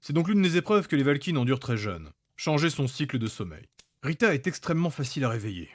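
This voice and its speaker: A man's voice: mid-range voice, sing-song, quick pace, no room sound. A man reading scripted narration for a fantasy audio story.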